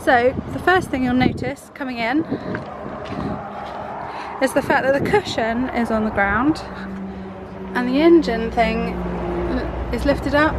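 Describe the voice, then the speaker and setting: A woman, croaky from a cold, chatting rambly and casually in a camper van vlog. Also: high voice. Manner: chatty, rambling, self-interrupting. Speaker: craft vlogger. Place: inside a camper van on a busy main road. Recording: traffic noise from a main road. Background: road traffic noise.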